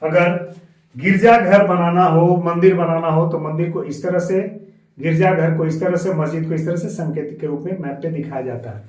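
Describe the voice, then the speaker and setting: A man's voice: on the high side, steady tone, normal speed, a little mellow, far from the mic. A man teaching a school geography lesson step by step, often repeating each term in Hindi and English. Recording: very echoey room, voice from off-mic.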